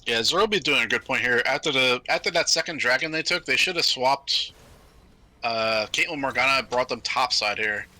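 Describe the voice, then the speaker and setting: A man casting a video game match, talking through the action in brisk, analytical play-by-play with frequent fillers. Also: medium pitch, bright, forceful tone, no echo. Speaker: esports caster. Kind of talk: play-by-play commentary.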